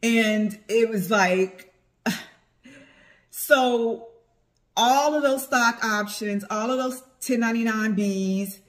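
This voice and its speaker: A woman's voice: a little high, slow. A middle-aged woman chatting casually to her followers in a vlog, drawing out words for emphasis as she tells her story. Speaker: vlogger, tax preparer.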